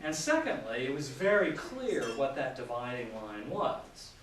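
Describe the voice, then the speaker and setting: A man's voice: medium pitch, big pitch swings, unhurried, fairly bright tone. A man in his sixties giving an informal public lecture as a professor, chatty and self-deprecating with lots of fillers. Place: large lecture room with an audience. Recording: echoey hall, mic at a distance, audience noise.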